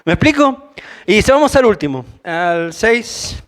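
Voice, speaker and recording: Rioplatense guy preaching casually, kinda high voice, reads scripture then chats about it. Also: a little slow. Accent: Rioplatense Spanish. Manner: informal, animated, mixes reading with asides. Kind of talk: conversational sermon with Bible reading.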